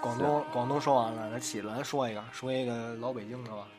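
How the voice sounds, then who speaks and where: A man in casual panel chat, telling a story in halting, repetitive phrases. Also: medium pitch, steady tone. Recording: music playing behind the voice. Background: music.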